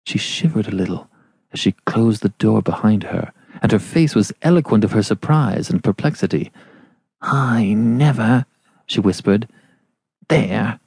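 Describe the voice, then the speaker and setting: A man's voice: on the low side, normal speed, vocal fry, dark tone, husky, no room sound. A man narrating a classic novel as an audiobook, shaping each phrase expressively.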